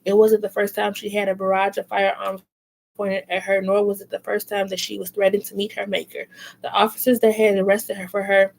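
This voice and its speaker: A woman's voice: medium pitch, flat delivery, a little fast, gravelly, rough recording. A woman reading a novel aloud, with occasional self-corrections and brief asides. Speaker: reader.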